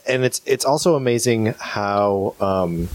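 A young man co-hosting a podcast, chatting casually about music, halting and restarting often, laughing and swearing. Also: lowish voice. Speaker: podcast co-host.

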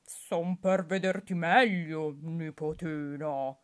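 A greedy, sly male wolf from a rhymed storybook drawls his words out slowly, as a woman reader puts him on. The voice sits low and unhurried, with a gruff, scheming edge. It is pitched low and delivered at a crawl. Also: steady tone. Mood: gloating. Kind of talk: storybook reading.

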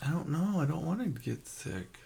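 A man's voice: a little high, very animated, normal speed, gravelly, crowd noise. A man co-hosting a casual home podcast, joking and laughing while he sneezes and coughs with a runny nose. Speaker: podcast co-host.

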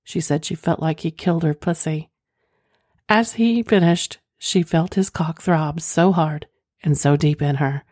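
A woman's voice: deep voice, measured pace, a little mellow, no room sound, studio quality. A woman hosting a podcast, talking in a candid, flirtatious way, moving between reading aloud and casual chat. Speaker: podcast host. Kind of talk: reading listener's story, then casual chat.

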